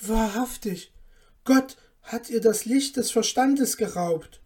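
A woman's voice: medium pitch, slow pace, dark tone, breathy edge. A woman voicing a frightened, pleading young boy in a read-aloud fairy tale. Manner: pleading, anxious. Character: timid bewildered young boy turned dwarf. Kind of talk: storybook reading.

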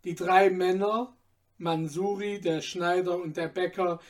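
A man reading a fairy tale aloud in a measured, deliberate narration. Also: high voice. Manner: deliberate, calm.

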